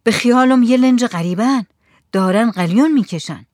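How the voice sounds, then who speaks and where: A woman putting on an alert fisherman with a who calls out in a loud, urgent voice. His pitch is high and strained. The recording is close and dry. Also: no room sound. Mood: alarmed.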